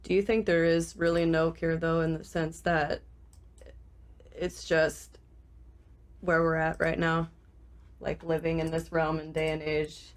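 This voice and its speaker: A woman with vocal fry, talking reflectively in a casual discussion as a podcast co-host. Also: sits low, level tone, measured pace, long pauses.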